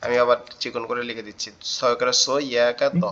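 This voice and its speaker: A man's voice: medium pitch, little pitch movement, fast talker, fairly bright tone. A man teaching Arabic letters in an online class, patiently repeating each sound and questioning his students. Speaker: Quran teacher. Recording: dull online call audio.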